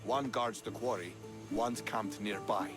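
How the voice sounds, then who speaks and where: Loud orchestral music plays behind a man lightly acting a proud Spartan commander in a video game cutscene. He speaks bluntly and with command, using fierce swings, in a lowish voice at a measured pace.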